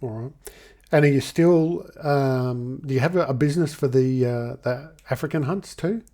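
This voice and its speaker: An Australian man hosting a casual podcast interview, speaking in a hesitant, halting way. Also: mid-range voice, mellow. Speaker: podcast host.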